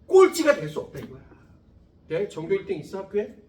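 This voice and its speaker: A man's voice: high-pitched, brisk, recorded from a distance. A man in his thirties teaching a physics class, joking, swearing casually, and chatting with his students. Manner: profane, joking, animated. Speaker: physics tutor. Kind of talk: classroom lecture. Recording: echoey classroom, off-mic.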